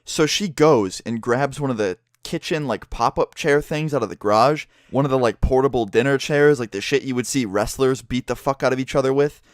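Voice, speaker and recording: A man rambling through a storytime vlog, swearing freely and talking in an animated way. His voice is middle-pitched and the recording is dry, with no room echo. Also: a little fast, hardly any pauses. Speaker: vlogger. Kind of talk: casual storytime.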